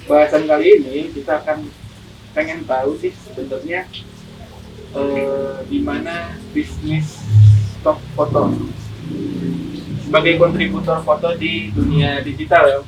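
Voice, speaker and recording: A man's voice: on the high side, level tone, measured pace, pauses often, music in the background. A man hosting a casual podcast interview, speaking slightly muffled through a face mask. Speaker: podcast host. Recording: distant mic, clearly noisy room.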